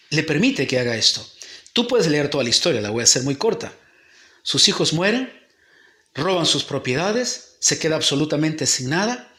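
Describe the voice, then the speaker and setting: A man's voice: fairly high pitch, bright, forceful tone. A male pastor preaching a sermon with emphatic, repeated phrases. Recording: roomy echo with faint music.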